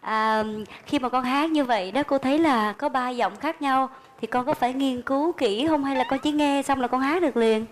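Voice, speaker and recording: A woman's voice: sits high, normal speed, few pauses. A woman judging a talent show, speaking with doting affection to a young singer. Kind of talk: giving feedback.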